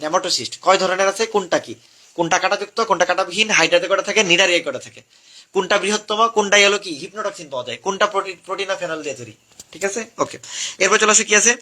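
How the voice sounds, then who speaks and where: A man's voice: high-pitched, very fast, bright, forceful tone. A young man, coaching students for an admission exam in a live class, drilling topics over and over.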